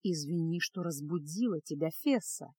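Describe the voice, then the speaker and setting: A calm high priestess, played by a woman narrator, speaks in a hushed, lowered voice. She is soft but unbending and repeats herself with quiet firmness. The audiobook sound is dry and close. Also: normal speed, breathy edge, dry recording, heavily acted. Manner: soft, low, firm.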